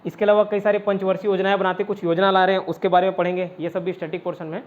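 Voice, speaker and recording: A man with a fairly high voice leads an online exam-prep class. He explains step by step and answers his own questions as he goes. The sound is dull and lo-fi. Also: flat delivery, racing. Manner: often adds "ठीक है" to check understanding. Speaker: teacher.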